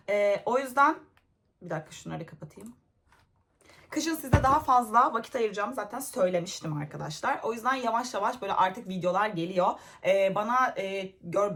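Speaking into her phone camera, a young reaction vlogger chats casually in a giggly, scattered way. Her voice is mid-range and a bit bright.

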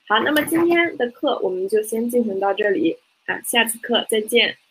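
A woman's voice: fairly high pitch, animated, moderate pace, a bit bright, slightly rough, poor audio. A woman teaching a beginner language lesson, patiently repeating each example and mixing in English explanations. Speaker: Chinese teacher.

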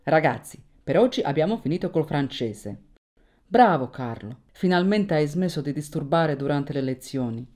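A strict, lively schoolteacher. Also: female voice, deep voice, normal speed, soft background music. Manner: firm and instructive. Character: strict but fond female schoolteacher. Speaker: French teacher. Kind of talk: Italian film dubbing.

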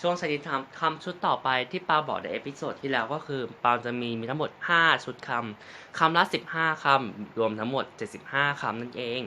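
A young man giving a casual vocabulary lesson, calling out each word twice, loudly. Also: medium pitch, lively intonation, a little fast, hardly any pauses, slight background noise. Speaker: language teacher vlogger.

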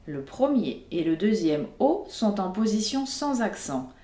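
A woman teacher giving a scripted pronunciation lesson, with clear and emphatic explanations. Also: medium pitch, very animated, unhurried, dark tone, echoey room. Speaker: Russian language teacher.

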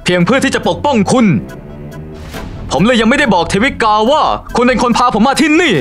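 A man's voice: a little high, unhurried, soft background music, close to an everyday voice. An actor playing a persistent male con man who poses as a prince, in a dubbed drama. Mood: defiant. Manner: persistent, challenging, pleading.

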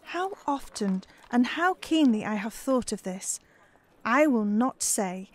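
Lady playing sad earnest young victorian woman, measured and dignified, highish voice, radio play. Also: animated. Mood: sad, resolute.

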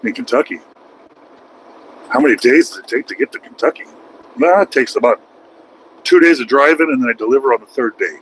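Animated and brisk but pausing often, this forties-something American trucker rambles and jokes about himself in a nighttime vlog while behind the wheel. His voice sits mid-range, and the low-quality recording carries faint road and engine noise.

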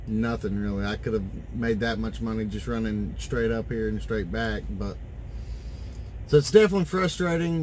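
A man in his thirties vents to a phone camera from his parked truck cab, rambling and frustrated, with plenty of fillers. His voice sits at an ordinary middle pitch. A faint hum of vehicle ambience stays in the background. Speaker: owner-operator truck driver. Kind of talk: casual vlog rant. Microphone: phone camera at arm's length.

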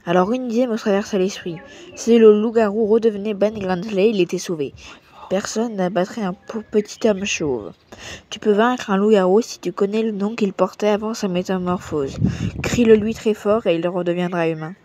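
A woman's voice: medium pitch, normal speed. Woman reading a book aloud, self-correcting. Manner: stumbles and corrects herself while reading; raises her voice for shouted lines. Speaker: reader.

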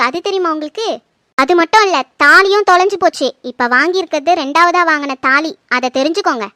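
Bright, piercing scold of a wedding-wrecking elder sister, a woman doing it for a family drama. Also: very high voice, no room sound, studio quality. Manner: scolding, accusing, commanding. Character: harsh angry older sister calling off a wedding. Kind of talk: home-made family drama.

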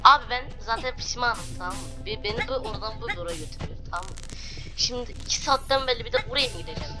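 A woman's voice: a little high, fast. A woman hosting a let's play, grumbling and complaining in a casual, exasperated way while she plays. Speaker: gaming video host. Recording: loud background game music.

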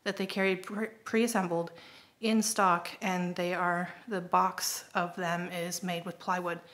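A woman's voice: lowish voice, little pitch movement, a little slow, fairly bright tone. Chatty middle-aged woman giving a home tour. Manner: chatty, explanatory, pointing things out with frequent ums. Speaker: homestead vlogger. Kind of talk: casual home renovation update. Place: kitchen under renovation, indoors. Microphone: handheld phone camera at arm's length.

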